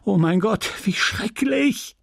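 A man reading an audiobook voices a despairing young woman who has been poisoned, speaking in a husky, faltering, pleading way. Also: on the high side, expressive, slow pace, no echo, clean studio sound, heavily acted. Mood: faint anguished.

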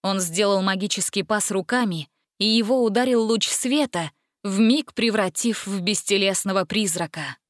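A woman narrates a fairy tale in a steady, expressive storybook reading. Her voice sits in the middle range. The recording is dry and close, with no room sound. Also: medium pitch, normal speed, dry recording. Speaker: audiobook narrator.

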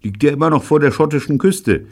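An exasperated grown man, as the narrator puts him on in a storybook reading, scolding impatiently in a raised, husky voice. He sounds short-tempered and incredulous. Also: on the high side, expressive, fairly quick, a little mellow, pitched above the performer's own voice. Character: exasperated adult man on the radio.

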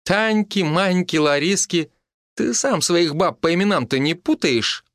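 A man voicing a sharp-tongued woman, a village healer, who mocks and scolds in a brisk manner. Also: high-pitched, animated, no room sound, studio quality, pitched above the performer's own voice, exaggerated voice. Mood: mocking.

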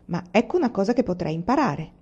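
A woman's voice: medium pitch, sing-song, quick pace, a little mellow, breathy edge. A woman reading the part of a down-and-out male tragic actor, humble and theatrical, in a lo-fi recording.

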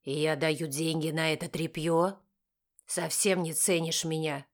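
A woman's voice: steady tone, unhurried. A woman putting on a harsh, angry father. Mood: contemptuous. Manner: curt, accusing, speaks in low clipped bursts. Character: stern angry middle-aged father, bitter and harsh. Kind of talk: audiobook character voice.

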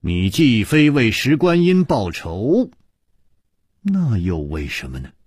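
A man doing calm hero Chu Liuxiang. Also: mid-range voice, slow, breathy edge, no room sound, studio quality, pitched above the performer's own voice, exaggerated voice. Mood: puzzled.

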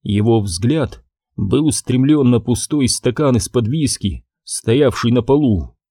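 Dark-voiced male audiobook narrator. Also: mid-range voice, expressive, measured pace, breathy edge, no room sound, studio quality. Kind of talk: scripted narration.

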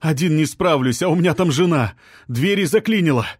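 A man's voice: mid-range voice, animated, moderate pace, husky, no echo, clean studio sound. A man voicing a desperate young husband who begs a stranger for help, his voice strained and rising. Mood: desperate pleading.

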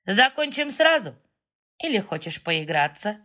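Brief: condescending dragon lord of a fantasy story, read by a woman, slow and smug. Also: mid-range voice, sing-song, pushed and bright. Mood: mocking. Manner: mocking, self-assured. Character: arrogant male shadow dragon lord.

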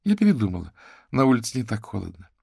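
Guy doing a calm lady therapist, voice nudged up a bit, gravelly. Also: mid-range voice, fast talker, no room sound, studio quality, voice pushed up, full character voice. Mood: evasive. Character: composed adult woman therapist, calm and evasive.

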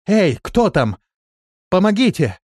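A man's voice: medium pitch, sing-song, moderate pace, dark tone, dry recording, studio quality. A man reading an audiobook, voicing a frightened, wily woman just pulled from a well, in a raised, strained voice. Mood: desperate. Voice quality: hoarse when rescued. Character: frightened, wily dark-skinned woman, soaked and exhausted. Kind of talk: audiobook character voice.

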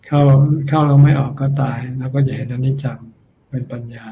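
Man, Buddhist monk, calm brief answers, flat delivery, phone-like sound, faint hiss. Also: medium pitch, fairly quick, gravelly. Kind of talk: dharma Q&A talk. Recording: tinny phone-like line, faint noise.

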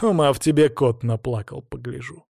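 A man's voice: medium pitch, moderate pace, vocal fry, darkish tone, no echo, studio quality. A man voicing a defiant, sardonic young outcast hero in an audiobook. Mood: mocking. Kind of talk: audiobook character acting.

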